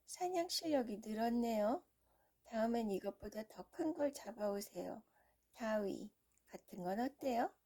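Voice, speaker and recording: A woman's voice: on the high side, animated, unhurried, mellow. A woman voicing a haughty, coy young noblewoman from a storybook, read to a young child. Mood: coaxing.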